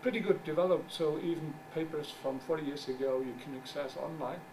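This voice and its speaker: A middle-aged man, a journal editor whose first language is German, delivers a conference presentation in a conference room with a slightly high voice. His English is halting as he searches for words, and he makes wry asides. A distant mic captures him along with background noise.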